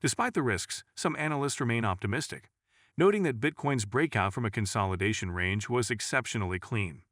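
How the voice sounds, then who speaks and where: A man narrating scripted market news in an even, read-aloud delivery. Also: mid-range voice, no room sound, studio quality.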